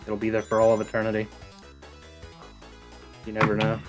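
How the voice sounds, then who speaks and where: A man's voice: on the low side, monotone, fairly quick, soft background music. A man streaming a video game, chatting casually with dry, laid-back replies. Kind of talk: casual chat while gaming.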